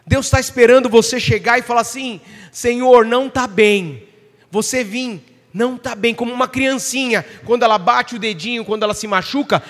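A man preaches with a high, ringing voice, pressing his points and throwing questions out to the congregation. His words carry a long reverb, as if spoken in a large hall. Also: a bit bright. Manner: emphatic, asks the congregation questions. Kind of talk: sermon.

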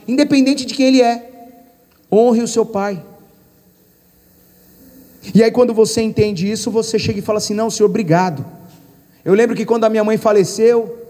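A middle-aged man with a Brazilian Portuguese accent preaches a sermon, weaving in stories from his own life. His voice sits high for a man and carries a long echo through the church hall. He speaks straight to the congregation as he goes. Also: darkish tone. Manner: storytelling preacher, addresses the congregation directly. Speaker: pastor.

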